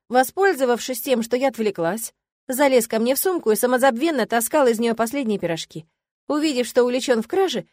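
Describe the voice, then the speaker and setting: A woman narrating a novel in the first person, in a steady audiobook reading style. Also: fairly high pitch, no echo, clean studio sound.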